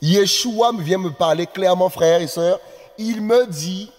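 High-pitched exclamatory male preacher. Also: measured pace. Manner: exclamatory, repetitive, rising into shouted appeals. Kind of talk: live-streamed sermon. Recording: reverberant room with faint music.

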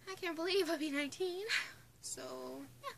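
Tucked under a bunk bed in her small bedroom indoors, an eighteen-year-old vlogger from Newfoundland, Canada, shares casual opinions in Newfoundland English, rambling with giggles and restarts. Her high voice is gravelly and moves at a moderate pace. The phone or webcam sits close in front, and background noise can be heard.

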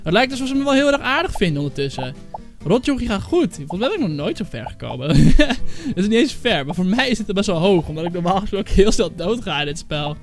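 Male gaming YouTuber, high-pitched, very animated delivery, excitable, swears in English. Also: fast talker, soft background music. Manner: excitable, yelps and cheers, mixes English swearing into Dutch. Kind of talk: let's-play commentary.

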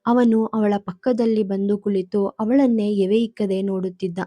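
A woman storyteller narrating a family drama in a calm, even manner. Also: medium pitch, normal speed, no room sound. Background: soft music.

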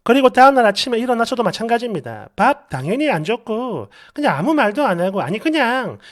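A woman's voice: a little high, big pitch swings, brisk. A woman reading a dramatized online story in an exasperated, gossipy manner. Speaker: story narrator.

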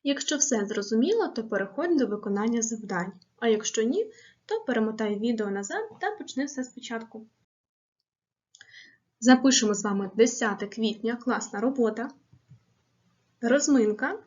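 A woman teaching a grammar lesson to schoolchildren on video, speaking slowly and clearly and asking and answering drill questions. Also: fairly high pitch, expressive, a little mellow, highs cut off.

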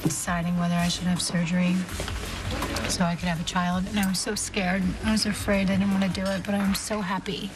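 A woman's voice: on the low side, little pitch movement, fairly quick, noisy background, close to an everyday voice. An actress playing a chatty, teasing mother in a television soap opera, with a playful, familiar manner. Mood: reflective. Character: chatty, teasing mother out for New Year's dinner. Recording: loud background music under dialogue.

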